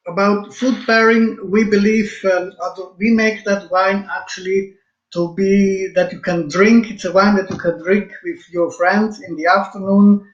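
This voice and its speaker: A man from Switzerland presenting a wine in an online seminar, speaking calmly with frequent fillers over a video call. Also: sits high. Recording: roomy, dull video call audio.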